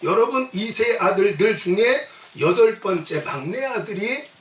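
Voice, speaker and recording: A man preaching a sermon with a fairly high voice. He presses each point with short, repeated urgings that draw replies from the listeners. The sound is roomy and distant, as if the mic sits well away from him in a large sanctuary. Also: animated, a little slow, fairly bright tone. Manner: emphatic, repetitive exhortation with call-and-response. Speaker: pastor. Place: church sanctuary at a retreat. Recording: echoey hall, mic at a distance. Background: congregation answering amen.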